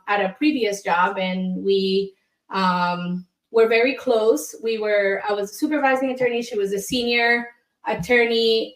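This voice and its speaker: A woman's voice: medium pitch, a bit bright, echoey room. A woman from Colombia, an immigration attorney, talking candidly as a guest in an interview with frequent fillers. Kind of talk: casual interview.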